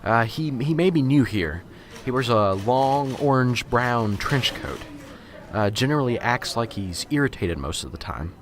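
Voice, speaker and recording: With lively intonation, a medium pitch, and normal speed close to his everyday voice, a man performs a nervous professor who arrives with a lead in an amateur radio drama. The character is jittery, stammering and hesitant as he gropes for words.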